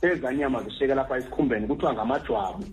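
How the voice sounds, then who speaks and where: Xhosa accent guy explaining on radio, talks fast, keeps restarting words. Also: mid-range voice. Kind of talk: conversational explanation.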